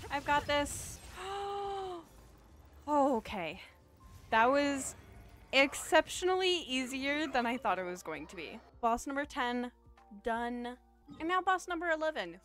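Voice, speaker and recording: An excitable woman with a fairly high voice chats through her gameplay as a streamer. She talks straight to the enemies and bounces between worry and cheer, with faint game music underneath. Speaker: gaming streamer. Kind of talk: casual gameplay commentary.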